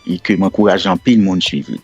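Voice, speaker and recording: A middle-aged Haitian man speaking French with a Haitian accent, explaining himself as a radio guest in a measured way full of fillers. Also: low voice, husky, lo-fi sound. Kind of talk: casual radio interview. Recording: faint music in the background.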